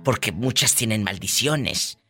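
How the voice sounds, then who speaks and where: A man's voice: fairly low pitch, animated, unhurried, pushed and bright, soft background music. A man with a Mexican accent hosting a radio call-in show, campy and teasing, laughing often. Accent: Mexican Spanish. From Mexico, Tamaulipas. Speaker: radio host. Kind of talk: flamboyant radio call-in banter.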